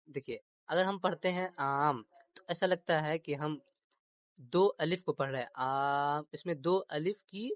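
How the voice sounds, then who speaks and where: Man teaching grammar slowly, dry close sound. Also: on the high side, no room sound. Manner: repeats terms slowly, asks rhetorical questions; mixes English words into teaching. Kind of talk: explanatory grammar lesson.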